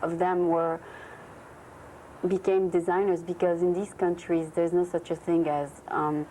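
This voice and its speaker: A woman's voice: lowish voice, flat delivery, unhurried, dark tone. A woman host from Tunisia interviewing a guest on a local TV show, speaking hesitantly and searching for her words. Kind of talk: studio interview. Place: TV studio. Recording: noisy early-1990s TV audio.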